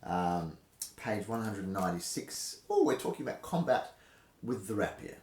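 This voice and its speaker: A male host gives a casual intro, then reads aloud dramatically from an old fencing manual, a historical treatise. He is theatrical and emphatic, with highly animated pitch and dramatic pauses. The roomy indoor recording echoes noticeably.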